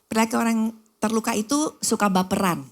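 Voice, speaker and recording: A woman pastor preaching an animated sermon, often calling out to the women in the congregation and acting out little scenes of everyday chatter. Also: on the high side, brisk.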